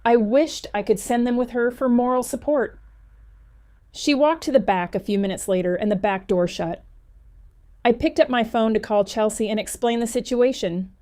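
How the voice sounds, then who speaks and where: A woman narrating a first-person cozy mystery audiobook in an even, conversational storytelling manner. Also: fairly high pitch, moderate pace, no echo, clean studio sound.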